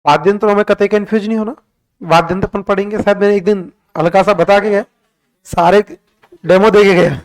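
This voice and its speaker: Brisk high-voiced male teacher drilling students. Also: steady tone, poor audio. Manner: brisk, quizzing students with rapid repeated questions. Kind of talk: classroom lecture with call-and-response drilling.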